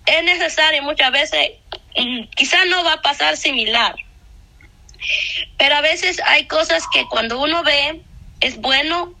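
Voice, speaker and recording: High bright woman giving a tearful testimony. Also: rough recording. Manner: tearful, halting, repeats herself. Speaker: church member giving testimony. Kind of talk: emotional personal testimony.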